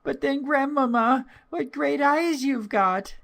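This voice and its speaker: A man's voice: extremely high pitch, takes it slowly, gravelly, fairly bright tone, pitched above the performer's own voice, heavily acted. A man voicing a sweet little country girl in a storybook, naive, polite and full of wonder. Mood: wide-eyed wonder.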